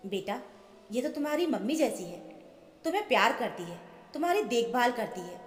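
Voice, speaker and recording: Woman reading a careful, gentle father. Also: a little high, big pitch swings, roomy sound, faint music behind. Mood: soothing. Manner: slow, gentle. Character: troubled father, careful and hesitant.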